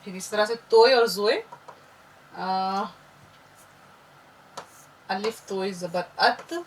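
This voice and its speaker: Patient woman teaching letter sounds slowly. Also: mid-range voice, distant mic, slight background noise, low-quality recording. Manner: patient, drills syllables one by one and has listeners repeat. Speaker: Urdu teacher. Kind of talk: slow classroom lesson, spelling out sounds.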